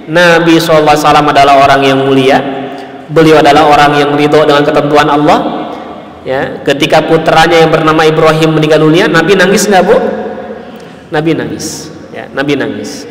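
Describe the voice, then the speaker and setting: A male Islamic preacher with a Sundanese accent giving a sermon, asking the congregation rhetorical questions and punctuating lines with a steady "ya". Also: on the high side, roomy sound, big-room sound, rough recording. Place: mosque hall.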